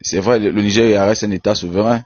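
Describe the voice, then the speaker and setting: A man from Benin argues his point in an online debate, stumbling over repeated words and fillers. His voice sits fairly low. The audio is dry and dull, lo-fi. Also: fairly even intonation, quick pace, a little mellow, no echo. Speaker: debate participant.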